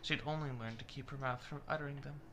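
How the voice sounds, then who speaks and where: Someone reading a romance novel aloud at a steady pace, with the occasional remark about the text. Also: medium pitch, fast, slight background noise, poor audio.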